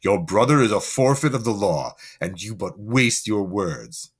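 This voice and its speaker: A stern, unbending male judge speaks low and slowly, with every word weighed and cold, as a man reading the play puts him on. The tone is lively in its rise and fall but never loses its severity. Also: slightly rough. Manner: stern, serious, measured.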